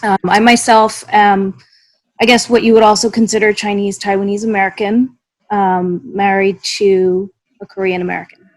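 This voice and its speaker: A woman from New Jersey, a therapist, introducing herself in a brisk, matter-of-fact way on a video call. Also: mid-range voice, level tone, no echo, low-quality recording.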